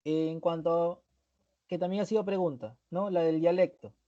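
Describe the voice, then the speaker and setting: Dark-voiced man teaching a lesson. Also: high voice, expressive, a little fast, highs cut off. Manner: explanatory, repeats key terms, checks in with "¿sí?". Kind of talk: online class review lecture.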